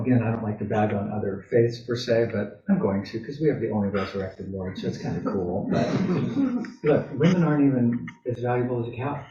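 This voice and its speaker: A man's voice: mid-range voice, dark tone, slight background noise. Pastor guy giving a chatty sermon w/ lots of asides, sounds far off, muffled and echoey. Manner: conversational, rambling with asides and self-corrections. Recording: roomy, distant, dull church PA recording.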